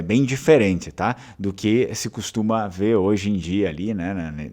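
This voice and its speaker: A low, darkish voice belongs to a man from southern Brazil who hosts his channel, speaking in a southern Brazilian Portuguese accent. His talk is casual and rambling, filled with fillers and restarts.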